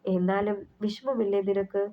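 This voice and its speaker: A woman's voice: mid-range voice, steady tone, normal speed, a little hiss or hum, lightly acted. A woman voicing a caring young woman who tenderly consoles her friend. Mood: consoling. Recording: slightly muffled recording.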